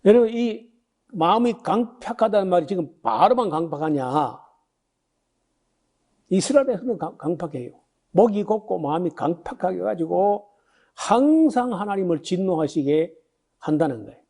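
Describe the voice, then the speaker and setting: An older male pastor in his sixties teaches from the Bible in a loose, chatty sermon style. His voice sits high for a man but sounds soft and mellow. He stops often to throw questions at his listeners and reads verses aloud before he explains them. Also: lively intonation, moderate pace, creaky. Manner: conversational, many fillers and rhetorical questions; reads scripture passages aloud then explains.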